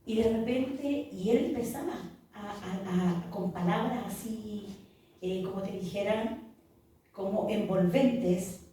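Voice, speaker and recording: Woman pastor, dark echoey voice. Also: mid-range voice, slow, slight background noise. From Chile. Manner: earnest, vivid storytelling. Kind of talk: testimony in a podcast interview. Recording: echoey room, mic far off.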